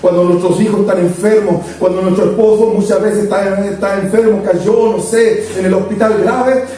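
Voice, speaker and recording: A man's voice: high voice, steady tone, normal speed, dark tone. A male pastor preaching a fervent sermon, hammering points home in repeated lists. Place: church sanctuary. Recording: echoey church, distant mic, faint music.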